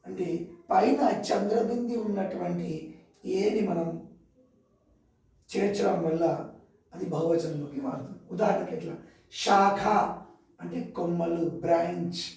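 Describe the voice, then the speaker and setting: A man with a high voice teaches grammar in a classroom manner, working through each word and its plural one after another. He stands well back from the microphone. His voice rings in a very echoey room. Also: gravelly, darkish tone, far from the mic. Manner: explains slowly, repeating words and their plurals. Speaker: Hindi teacher.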